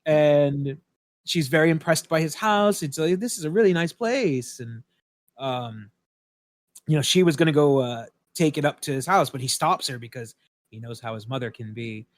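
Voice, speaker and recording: A man's voice: medium pitch, moderate pace, no echo. A man on a podcast, casually and animatedly retelling a film's plot with swearing and filler words. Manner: animated, profane storytelling with fillers. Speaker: podcast co-host. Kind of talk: casual film-review retelling. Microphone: podcast mic.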